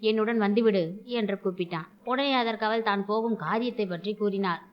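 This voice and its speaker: On a storytelling show, a woman narrates a folk tale and lifts her voice to act out each character's lines. Her medium-pitched voice moves briskly, and the sound is lo-fi.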